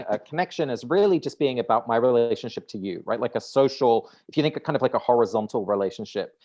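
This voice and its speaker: This muffled recording features a guest author from the Netherlands, a man in his thirties whose first language is Dutch, speaking in a conversational interview. His medium-pitched voice is a little mellow, and he thinks out loud with frequent restarts and repeated words.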